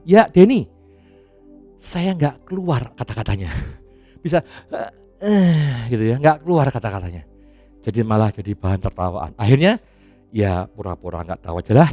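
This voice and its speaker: A male pastor delivers a sermon in a relaxed, conversational way, breaking into laughter and casual asides. His pitch rises and falls widely as he speaks. Soft music plays faintly underneath. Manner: chatty and animated, laughs often, casual asides.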